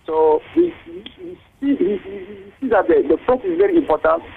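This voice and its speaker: Over a tinny phone line, a man with a Ghanaian English accent, an official from a teachers' association, is interviewed on radio. His very high, creaky voice swoops wildly in pitch at a moderate pace, and he speaks hesitantly, full of fillers and repeated words.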